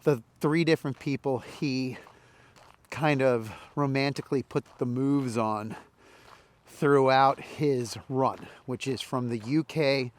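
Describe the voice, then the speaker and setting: Guy, mid-pitch, loose chatty vlogger rambling while walking through a park outdoors. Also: steady tone, slow pace. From Indianapolis, Indiana, US. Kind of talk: walk-and-talk vlog.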